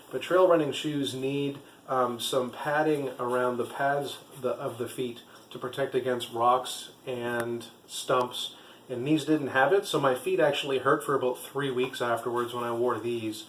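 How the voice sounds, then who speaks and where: An echoey room recording with faint background noise carries a man's voice at an average pitch. He talks casually to camera like a hobby vlogger reviewing gear. His explanations ramble a little and come with hesitations. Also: fairly even intonation, measured pace, fairly bright tone. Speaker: vlogger and trail runner.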